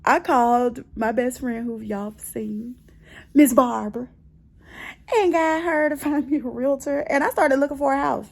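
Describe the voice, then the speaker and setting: Sitting in her bedroom, a middle-aged American woman shares a personal story on her vlog in a high, gravelly voice at a moderate pace. She stays casual and expressive, repeating phrases to emphasize them.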